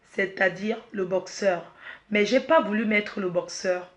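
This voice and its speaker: A woman, the head of her company, presenting a product launch slowly, repeating herself, restarting, and apologizing while she is emotional and choked up. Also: mid-range voice, lo-fi sound. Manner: slow, repetitive, with frequent restarts and apologies.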